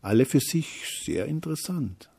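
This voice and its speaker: A man narrating a storybook tale, his loudness rising and falling for drama. His voice is low, gravelly and husky. The tone comes across dark and mellow. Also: animated, normal speed.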